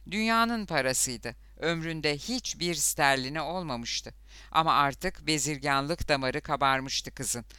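A man narrating an audiobook in a steady, even storytelling manner. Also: medium pitch, clean tone, dry recording.

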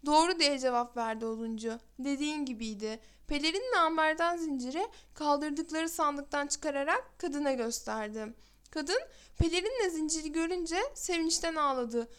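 A woman reads a fairy tale aloud in a high, clear voice. Her storytelling is measured and expressive, paced for listeners following along. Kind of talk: storybook narration.

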